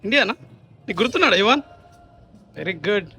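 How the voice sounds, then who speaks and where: A man's voice: high voice, animated, fast talker, bright, forceful tone. A young man, chatting and teasing friends and family while vlogging at a busy family function on a handheld camera. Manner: chatty, teasing, greets everyone in passing. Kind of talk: casual vlog chat with friends and family. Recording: chattering crowd behind.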